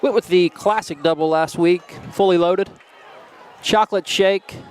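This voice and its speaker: A man doing play-by-play commentary for a local high school football broadcast, with jokey, rambling banter about food. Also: steady tone, measured pace, darkish tone, clear, resonant tone, soft background music.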